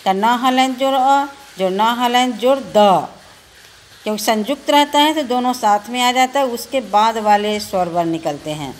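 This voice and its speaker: Speaking at a moderate pace, this fairly high-voiced woman teacher has a Bihari Hindi accent. She spells letters out one by one with patience for children in a recorded lesson, and a slight hiss or hum can be heard.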